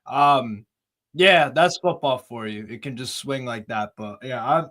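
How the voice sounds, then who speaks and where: Fired up guy ranting on a football panel, swearing, still shaking, normal pitch. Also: unhurried, bright, forceful tone. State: shaken up. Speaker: panel guest. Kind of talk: heated fan rant.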